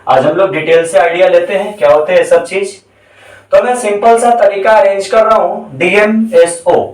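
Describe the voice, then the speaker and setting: A man's voice: high voice, moderate pace. A man teaching chemistry in a lecture style, asking questions and answering them himself. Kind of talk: classroom lecture. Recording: echoey room, voice from a distance.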